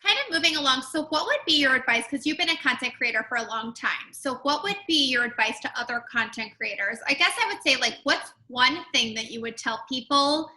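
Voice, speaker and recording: A woman's voice: high-pitched, a little fast, hardly any pauses, sharp tone. A woman hosting a podcast interview, supportive and affirming toward her guest. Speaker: podcast host.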